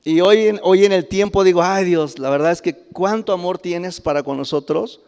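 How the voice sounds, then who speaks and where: A middle-aged man with a Mexican Spanish accent preaching a sermon, telling personal stories with frequent chuckles and loud exclamations. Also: sits high, normal speed, smooth. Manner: animated, chuckles often, rises to loud exclamations. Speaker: pastor. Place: church sanctuary. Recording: reverberant church hall.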